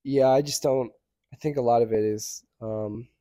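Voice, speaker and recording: Mellow-voiced man in casual podcast chat. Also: medium pitch, steady tone, normal speed. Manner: hesitant, laughs often, trails off. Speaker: podcast co-host.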